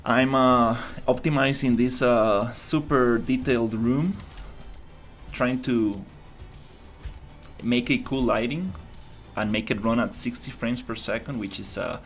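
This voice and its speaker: Soft background music accompanies a man from Costa Rica as he streams his game dev work at a slow pace, his medium-pitched voice steady in tone. He talks casually and thinks out loud, full of fillers and restarts.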